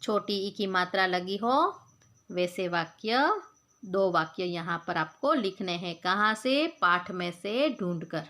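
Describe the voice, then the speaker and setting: A woman's voice: lowish voice, slow pace, fairly bright tone. A woman teacher giving a grammar lesson to children, patient and repetitive, often asking the class questions and spelling words out sound by sound. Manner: patient, repeats points and asks the class questions; mixes in English words. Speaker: school teacher.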